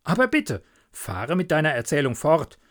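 A man's voice: on the high side, huge pitch swings, moderate pace. A man voicing a conceited, know-it-all male water rat in a storybook reading, speaking in a snooty, lecturing way.

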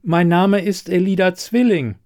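A hesitant, stammering woman scientist, as a male reader puts her on in an audiobook. Her voice sits well above the reader's own and unhurried, and she stumbles over her words. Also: high-pitched, a little mellow, voice pushed up. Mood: flustered. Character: flustered woman scientist, young adult. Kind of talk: audiobook character voice.

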